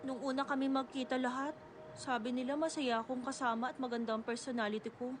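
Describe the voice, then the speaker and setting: A woman's voice: high voice, level tone, fast talker, close to an everyday voice. A woman dubbing a lonely young woman who sadly wonders why her friends left her out. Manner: plaintive, self-doubting. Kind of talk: Tagalog dub of a drama.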